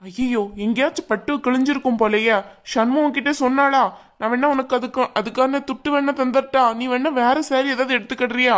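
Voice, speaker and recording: A woman's voice: high voice, fairly even intonation, brisk. Coaxing, questioning woman in a home drama. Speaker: concerned mother-in-law figure in a family drama. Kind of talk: Tamil family drama acting. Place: indoors at home.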